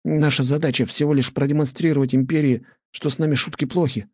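A man voicing a defiant, hot-headed young man in an audiobook, with a husky voice. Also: a little high, steady tone, quick pace, darkish tone, no room sound, clean studio sound, voice pushed up. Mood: earnest. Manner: defiant, heated.

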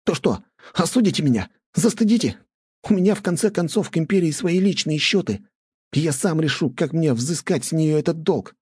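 Man playing a defiant young man, husky, dark tone, heated, dry audiobook sound. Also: mid-range voice, brisk, no room sound, pitched above the performer's own voice, natural voice. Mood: indignant. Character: hot-headed young man, defiant and proud.

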